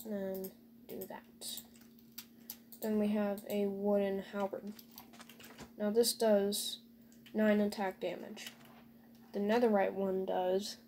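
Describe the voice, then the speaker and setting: Slow, mellow-voiced game commentator. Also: female voice, mid-range voice, a little hiss or hum. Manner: joking asides to viewers, dry sarcasm. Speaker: gameplay commentator.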